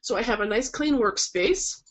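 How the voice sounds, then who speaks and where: A woman's fairly high voice, lively in intonation and at normal speed, comes through a camera mic with a little hiss or hum. She's a florist instructor with a cold, nasal and stuffed-up, cheerfully encouraging and full of ums as she shows a webinar project at an indoor work table.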